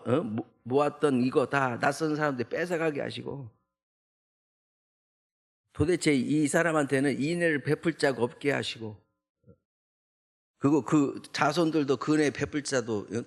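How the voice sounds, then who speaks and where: A man's voice: on the high side, gravelly. A man, a junior pastor, giving an early morning prayer sermon in a church, talking conversationally and often tagging lines with a rhetorical "eh?". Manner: conversational, with frequent rhetorical "eh?" tags; acts out the psalmist's protests in a raised voice. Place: church sanctuary.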